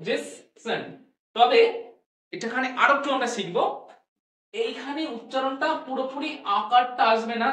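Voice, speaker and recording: A woman teaching English pronunciation to students. She asks questions and answers them herself, and she repeats each sound slowly. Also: high-pitched, a bit bright, far from the mic. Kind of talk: classroom-style lesson. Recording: echoey room, voice from off-mic.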